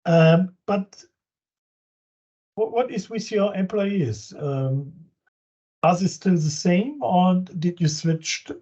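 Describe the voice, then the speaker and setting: A man's voice: high voice, animated, takes it slowly, long pauses, dark tone. A man with a German accent hosting an interview, friendly and affirming, who restarts phrases in English. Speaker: interview host, business coach. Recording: dull lo-fi sound.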